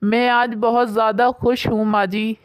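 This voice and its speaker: A woman's voice: on the high side, level tone, moderate pace, clear, resonant tone, dry recording, studio quality, natural voice. A woman voicing a meek, kind young daughter-in-law who speaks earnestly, in a storybook. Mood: pleading. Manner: pleading, earnest.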